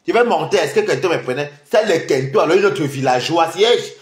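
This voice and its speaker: A man doing mocking gossip commentary on a live stream, animated and scornful, often repeating words. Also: on the high side, fairly quick. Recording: roomy echo.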